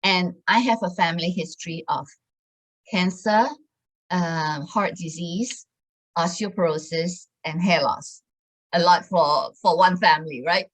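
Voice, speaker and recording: A woman in her sixties, her voice on the low side, presents a wellness program in a casual sales talk at a measured pace. She sounds hesitant, with plenty of fillers and restarts, and the audio is poor.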